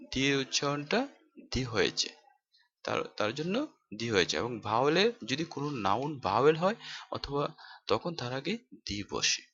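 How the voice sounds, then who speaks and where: A man teaching English pronunciation, explaining each rule slowly, repeating phrases and asking rhetorical questions. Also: mid-range voice, bright, forceful tone. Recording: dull lo-fi home recording.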